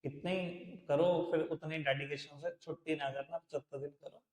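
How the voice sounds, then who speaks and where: A man's voice: fairly high pitch, fairly even intonation, moderate pace, a little mellow. A man teaching accounts in a live classroom lecture, chatty and familiar with his students, mixing in English terms. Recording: echoey classroom.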